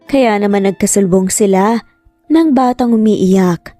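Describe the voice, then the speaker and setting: A woman narrating a dramatic story in a slow, deliberate manner. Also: mid-range voice, dark tone, no echo, faint music behind. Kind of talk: scripted narration.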